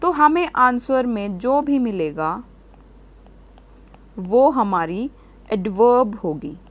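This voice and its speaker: Woman, teacher, grammar lesson, quiz questions, fairly high voice. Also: animated. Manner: explains step by step with many quiz questions; reads example sentences slowly and clearly. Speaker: English teacher.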